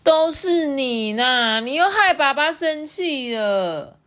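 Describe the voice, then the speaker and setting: A tearful little elephant girl from a picture book, voiced by a woman reading aloud. Very high and drawn out, she pleads and blames in a small voice. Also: lively intonation, a bit bright, full character voice. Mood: upset. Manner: plaintive, drawn-out.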